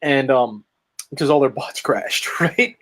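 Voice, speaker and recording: A man's voice: medium pitch, slow, a bit bright. A man telling a story in casual chat on a video call, tagging his sentences with "right?". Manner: rambling storytelling, tags lines with "right?". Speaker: podcast guest, marketer.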